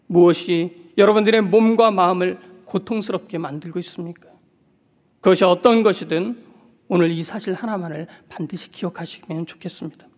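A man preaching a sermon as pastor, earnest and measured with soft pauses. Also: high voice. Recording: long reverb of a large hall.

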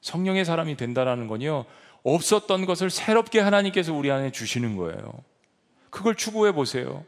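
A man's voice: on the high side, very animated, a little fast, vocal fry. A man preaching a sermon as pastor, earnestly exhorting his congregation in a church sanctuary. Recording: long hall reverb.

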